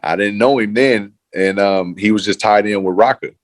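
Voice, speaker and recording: A former football player, interviewed about his career, talks in a laid-back, slangy way full of fillers and trailing off in a casual conversation. His voice is fairly low, at a moderate pace, and the clean studio sound has no echo.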